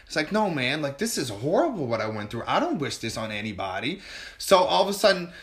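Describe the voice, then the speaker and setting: A man guest in an interview telling a candid personal story, animated and emotional, often restarting and repeating words. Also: medium pitch, fairly quick. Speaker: podcast guest.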